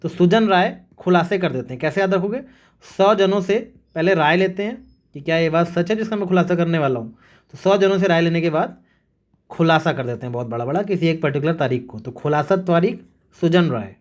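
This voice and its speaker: A man's voice: on the high side, muffled recording. A man teaching an exam-prep revision lesson, drilling facts with mnemonics and repeating "remember this" and "okay" often. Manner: brisk, repetitive drilling with frequent "याद रखना" and "ठीक है".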